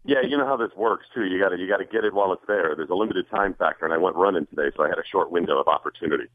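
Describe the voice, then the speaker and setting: A man with a husky voice, a morning radio co-host, calling in and teasing the host with dry humor. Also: sits low, rapid-fire, dry recording. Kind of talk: casual chat over the phone. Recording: tinny phone line.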